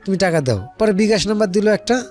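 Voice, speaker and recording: A man's voice: high-pitched, expressive, quick pace, darkish tone, soft background music. A man with a Bangladeshi accent telling a personal story in casual, colloquial speech, rambling and repeating phrases as he quotes conversations. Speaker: guest telling their life story.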